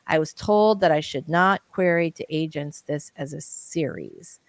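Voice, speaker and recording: A woman's voice: low voice, animated, a little slow, dry recording. A woman co-hosting a casual live-stream chat, reading viewer comments aloud and talking with many restarts. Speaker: livestream co-host.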